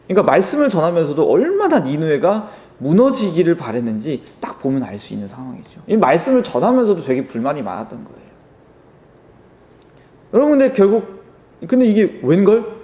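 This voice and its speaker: A young man giving a children's sermon, telling the story in an animated way and addressing the kids directly. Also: on the high side, a little fast. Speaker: children's ministry pastor.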